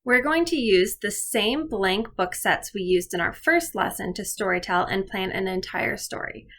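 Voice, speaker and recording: Speaking at a normal speed with slight background noise, a woman teaches a video lesson as an elementary teacher, walking the children through instructions one clear step at a time. Her voice is medium-pitched and fairly bright, and she talks straight to her pupils.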